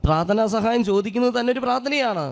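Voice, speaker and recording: Preacher with a gravelly voice. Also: male voice, very high voice, expressive, quick pace. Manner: earnest storytelling, acts out quoted speech. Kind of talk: sermon with a personal story. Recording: long hall reverb.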